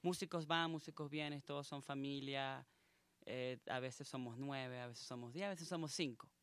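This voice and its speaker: A man's voice: medium pitch, fairly even intonation, normal speed, a bit bright, clean tone, dry recording. A man from Venezuela, a band guitarist, talking about his group in a radio interview. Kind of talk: casual interview.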